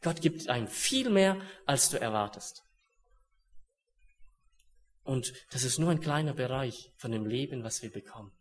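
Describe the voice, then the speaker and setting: A young man preaching a sermon in an earnest way, dropping to hushed solemn words and then rising to urgent ones. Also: medium pitch, expressive, a little slow, pauses often.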